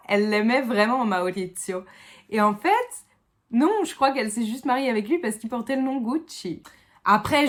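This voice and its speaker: A French woman giving a casual spoken film review in a chatty way, slipping English words into her talk. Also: on the high side. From France.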